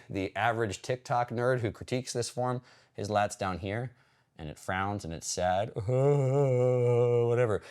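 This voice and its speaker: A man working as a hypertrophy coach, casually breaking down a training video in a chatty, explanatory way. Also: lowish voice. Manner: chatty, explanatory, talks while pausing and scrubbing video.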